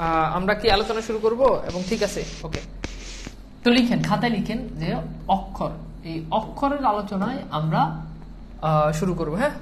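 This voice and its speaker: A woman's voice: medium pitch, expressive, normal speed, long pauses, a little hiss or hum. A woman with a Bangladeshi Bengali accent teaching an online class, patient, repeating points and often checking whether students follow.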